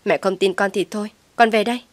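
A woman's voice: mid-range voice, steady tone, quick pace, no room sound, natural voice. A woman voicing a stubborn young daughter who pleads tearfully with her mother, recorded dry and close. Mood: defensive.

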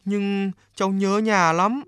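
A man's voice: sits high, fairly even intonation, takes it slowly, a bit bright, smooth, no echo, studio quality, voice pushed up. A man voicing a homesick young Eskimo boy with a raised, eager, pleading voice in a storybook reading.

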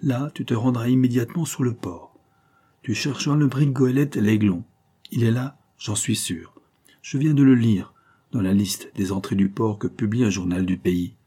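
A man's voice: mid-range voice, normal speed, warm tone, husky, natural voice. A man reading an audiobook voices a scheming, ruthless female adventuress who gives orders in an imperious, gloating manner. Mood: commanding. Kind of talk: audiobook character voicing.

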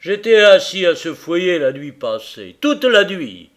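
A man reading aloud voices a heartbroken, humble carrier, speaking earnestly and slowly with a gravelly tone. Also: fairly high pitch. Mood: sorrowful. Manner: earnest, grieving, forgiving.

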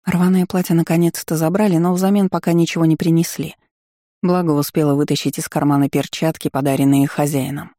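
A woman reading a first-person fantasy novel aloud in a wry, lively storytelling manner. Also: sits low, brisk, no echo, clean studio sound. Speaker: audiobook narrator.

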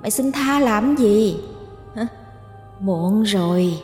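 A woman's voice: medium pitch, lively intonation, takes it slowly, a little mellow. A woman voicing a vengeful female ghost who taunts her killer in a horror audio story, with echoey reverb and music behind. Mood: taunting menace. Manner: taunting, menacing.

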